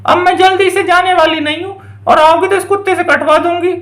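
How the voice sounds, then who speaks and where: A woman's voice: very high-pitched, fairly even intonation, fairly quick, a bit bright, reverberant. A woman voicing a stubborn village mother in a toy doll story, scolding and bargaining.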